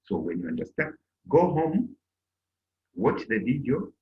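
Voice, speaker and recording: Teaching German to an online class, a middle-aged man acts out little dialogues in a raised voice, his medium pitch taking on a sing-song lilt at a slightly slow pace. He's in an indoor room on a video call, heard through a lo-fi laptop mic.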